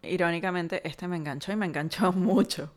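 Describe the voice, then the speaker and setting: A woman's voice: lowish voice, fairly even intonation, fairly quick. A woman from Caracas co-hosting a casual podcast chat. She talks in a playful, conversational way and laughs easily. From Venezuela (Caracas). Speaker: podcast co-host.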